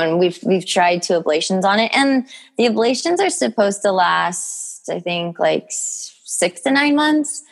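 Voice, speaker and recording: A young adult woman speaking as an interview guest in a casual, personal, informal way, with plenty of conversational filler. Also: fairly low pitch. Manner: informal, peppers speech with "you know" and "like". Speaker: podcast guest telling her health story.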